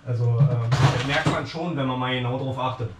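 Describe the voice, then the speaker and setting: Talking briskly at medium pitch with fairly even intonation, a thirtysomething man hosts a relaxed home cooking video. He chats and cooks at once in a small kitchen, using plenty of fillers, while a camera mic across the room picks him up amid heavy background noise.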